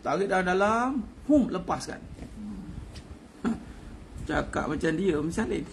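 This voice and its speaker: A man's voice: high voice, gravelly, a little hiss or hum. A man giving a casual religious talk, chatty, repeating his phrases and chuckling often. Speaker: religious teacher.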